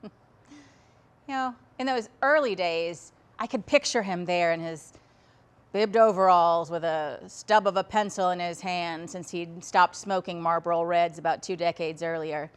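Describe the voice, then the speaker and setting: A woman's voice: on the low side, unhurried, smooth. Woman storyteller, wry and reflective, conversational monologue.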